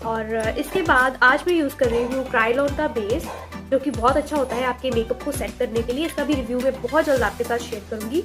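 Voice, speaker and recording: A woman's voice: high-pitched, a little fast, music in the background. A young woman explaining her makeup routine step by step in a casual vlog voice. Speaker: beauty vlogger. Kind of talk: makeup tutorial talk.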